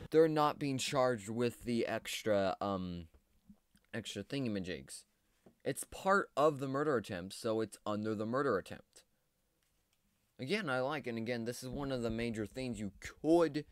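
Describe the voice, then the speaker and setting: Male commentator, lowish smooth voice, hesitant and filler-heavy, dry close mic. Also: no echo. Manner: rambling, hesitant, lots of fillers. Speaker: video commentator. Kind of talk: casual commentary on a cartoon series.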